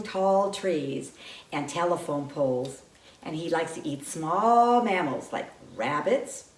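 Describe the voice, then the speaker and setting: A woman presenting birds to children, chatting in a slow sing-song way with bird puppets. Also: medium pitch. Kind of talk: children's educational talk. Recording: echoey room, mic far off, faint background hum.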